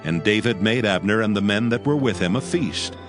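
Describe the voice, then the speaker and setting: A man narrating dramatized scripture from a script in a measured, formal manner. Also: on the low side, expressive, music in the background.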